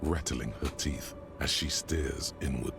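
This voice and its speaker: Deep gravelly inner narrator for a video game, dry and measured, with music under it. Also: male voice, heavily acted.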